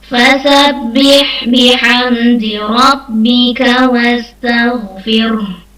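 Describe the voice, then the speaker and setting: A woman reciting a scripture passage in a slow, drawn-out chant. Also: on the high side, steady tone, a bit bright. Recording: roomy distant recording with faint music.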